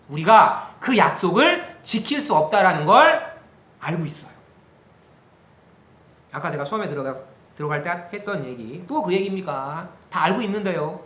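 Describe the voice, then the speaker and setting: A man's voice: sits high, echoey room. A man preaching a sermon to a youth group as their pastor, asking the listeners questions and acting out quotes. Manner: animated, asks the group questions, acts out quotes.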